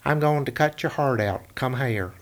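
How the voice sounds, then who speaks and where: A man voicing a nervous royal hunter in a much higher, loud, strained voice. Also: normal speed, natural voice.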